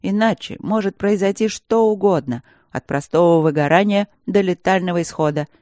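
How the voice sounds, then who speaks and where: A woman's voice: lowish voice, normal speed, a little mellow, dry recording, natural voice. Woman doing a cold sarcastic professor. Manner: dry, cutting, lecturing. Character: stern cold male professor, harsh and sarcastic.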